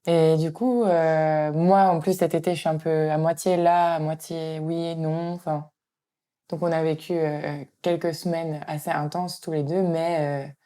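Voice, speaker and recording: A Swiss woman in her twenties, chatting casually and reflectively, often hesitating and trailing off softly. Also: deep voice. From Switzerland. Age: 20s. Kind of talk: casual conversation.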